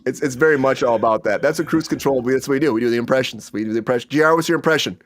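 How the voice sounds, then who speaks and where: A man's voice: mid-range voice, rapid-fire. A man hosting a casual comedy entertainment show, rambling and laughing as he talks. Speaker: host.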